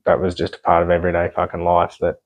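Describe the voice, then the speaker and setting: A man's voice: low voice, completely flat delivery, fast, dry recording. A young man telling his own story as a podcast guest, blunt and full of swearing, with rambling asides. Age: young adult. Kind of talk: candid personal storytelling.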